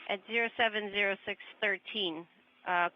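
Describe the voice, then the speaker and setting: A woman's voice: mid-range voice, steady tone, moderate pace. A woman at mission control reading out clipped procedural callouts with hesitant fillers, heard over a crackly space-to-ground radio loop. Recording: muffled lo-fi radio with faint hiss.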